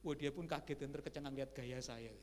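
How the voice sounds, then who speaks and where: A male pastor preaching a sermon in a conversational style, with lively asides to the congregation. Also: medium pitch, fast talker. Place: church sanctuary. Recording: church hall reverb with faint hum.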